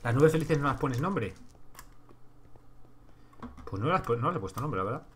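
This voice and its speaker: A man with a Spain accent streams a game live, talking to himself and his chat in a loose, swearing way. His pitch rises and dips a lot as he goes. Faint keyboard clicks and typing sit under his voice. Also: lively intonation, moderate pace, a bit bright, a little hiss or hum. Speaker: livestreaming gamer. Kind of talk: casual live gameplay commentary.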